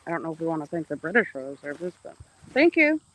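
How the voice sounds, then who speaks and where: A woman's voice: low voice, steady tone, fairly bright tone, a little hiss or hum, rough recording. A woman chatting casually and jokily while walking a historic site outdoors, filmed on a handheld phone. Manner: chatty, joking, quick to tease. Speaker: vlogger. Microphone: handheld phone camera.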